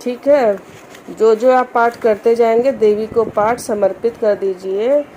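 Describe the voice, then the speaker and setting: A woman with a slightly high voice calmly teaches the rules of scripture recitation, reading Sanskrit verses slowly. Her explanations are patient and instructive. A faint background hiss sits under the recording. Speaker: religious instructor.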